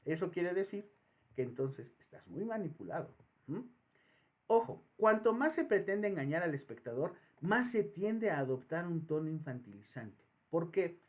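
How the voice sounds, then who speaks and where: Animated Mexican professor, tinny line. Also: male voice, on the high side, moderate pace. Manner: animated, acts out voices in anecdotes. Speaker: psychology professor. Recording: tinny phone-like audio.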